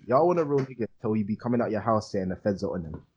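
A man's voice: on the low side, animated, very fast, slightly rough, lo-fi sound. A young man with a London roadman accent hosting a casual, slang-heavy chat, repeating phrases for emphasis. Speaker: podcast host.

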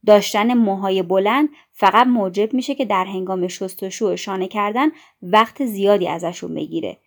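A woman voicing a stern, pompous middle-aged male school patron who lectures loudly and self-righteously in a storybook reading. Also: mid-range voice, lightly acted. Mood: lecturing.

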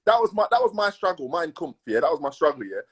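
A man with a London roadman accent telling stories in casual, slangy chat, emphatic and repetitive, with a husky voice. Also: a little high, sing-song, quick pace. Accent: London urban, roadman. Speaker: podcast co-host.

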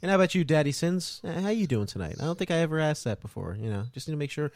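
A man's voice: on the high side, lively intonation, very fast, a little mellow, dry recording. A man hosting a casual podcast who laughs often and opens with a formal announcer greeting. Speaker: podcast host.

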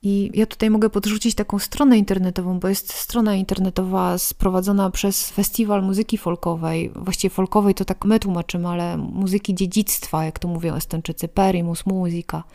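A woman speaking as a guest expert, explaining with enthusiasm and detail in a relaxed conversation. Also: medium pitch, fairly quick, hardly any pauses. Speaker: guest expert on Estonian culture.

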